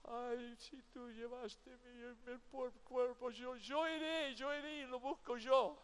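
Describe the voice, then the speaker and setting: A man's voice: high voice, flat delivery, slow, gravelly, pitched above the performer's own voice, heavily acted. A man preaching a sermon who voices Mary Magdalene as a grieving, tearful woman pleading through her sobs.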